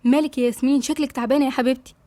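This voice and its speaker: A woman with an Egyptian accent voicing a caring middle-aged mother-in-law who gently coaxes. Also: sits high, steady tone, rapid-fire, no room sound, close to an everyday voice. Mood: coaxing. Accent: Egyptian Arabic. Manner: fond, coaxing.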